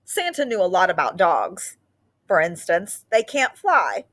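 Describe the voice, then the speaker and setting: Her voice on the low side, a woman narrates a children's picture book as a storyteller. She reads with lively animation and stretches key words to stress them.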